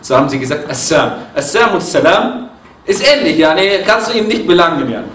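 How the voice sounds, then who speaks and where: Lively preacher man in echoey room. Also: high-pitched, fairly quick. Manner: lively, mixes Arabic quotes into German, asks listeners questions. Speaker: Islamic preacher. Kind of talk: religious lecture. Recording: echoey room, from far off, faint noise.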